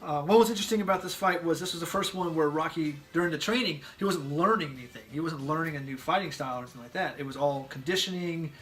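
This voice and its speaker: A man co-hosting a casual movie review chat, rambling and animated, often breaking into loud acted-out yells. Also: on the high side, quick pace, few pauses. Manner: rambling with restarts. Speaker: podcast co-host.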